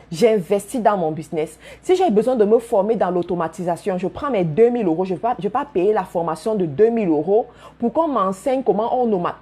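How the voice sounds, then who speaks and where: Speaking to her followers, a business coach gives an emphatic motivational talk, repeating key phrases and talking straight to her audience. Her medium-pitched voice is mellow with a breathy edge.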